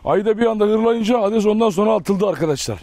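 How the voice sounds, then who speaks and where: A young dog owner chats casually and directly to his viewers outdoors, breaking off now and then to give his dogs short, firm commands. His voice is high with a dark tone, he talks fast, and the recording is dry.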